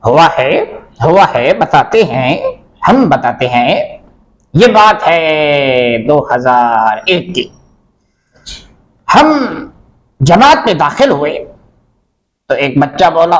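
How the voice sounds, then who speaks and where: A man acting an angry aging male government schoolteacher in a comedy sketch, who bursts into shouting rants and then sinks into a low grumbling mutter. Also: huge pitch swings, slow pace, long pauses, heavily acted, rough recording. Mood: grumbling storyteller. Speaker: comic guest character.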